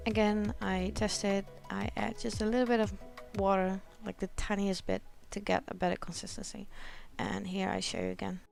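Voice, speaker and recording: A woman's voice: mid-range voice, animated, normal speed, creaky, a little mellow, faint music behind. A woman with a Dutch accent narrating an art tutorial voice-over, speaking plainly with a slightly hesitant, awkward delivery.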